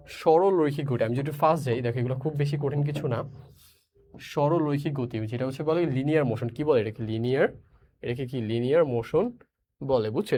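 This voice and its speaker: A man's voice: medium pitch, warm tone. A young man teaching a school physics lesson, asking questions and repeating the answers, with English words mixed into his speech. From Bangladesh.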